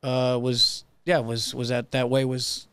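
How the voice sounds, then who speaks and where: A man's voice: medium pitch, flat delivery, measured pace, fairly bright tone, clear, resonant tone. A middle-aged man co-hosting a studio podcast, chatting casually and rambling with lots of restarts. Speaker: podcast co-host. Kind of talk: casual chat. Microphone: studio boom mic.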